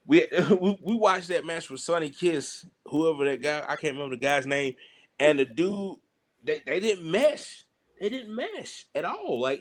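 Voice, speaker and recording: A man telling stories casually and animatedly in colloquial speech, acting out the exchanges he quotes. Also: fairly high pitch. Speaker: pro wrestler telling stories.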